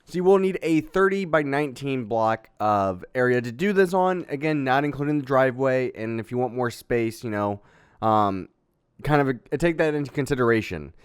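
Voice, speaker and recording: A man casually narrating a step-by-step building tutorial in a relaxed, chatty way, with fillers and little sound effects. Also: medium pitch, moderate pace, clean tone. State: has the hiccups. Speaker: Minecraft building tutorial host.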